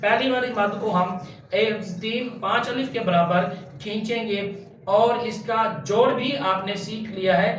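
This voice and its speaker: A man teaching Quran recitation step by step, patiently spelling out letters and chanting long drawn-out syllables. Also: high voice, far from the mic, muffled recording. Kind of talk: step-by-step tajweed lesson. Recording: echoey room, voice off-mic, faint hum.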